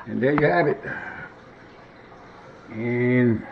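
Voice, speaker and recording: A middle-aged man with a mid-range voice talks very slowly while giving a hands-on look at a vintage gadget. He rambles and mutters casually at a wooden table in his home, recorded with dull, noisy home camera audio.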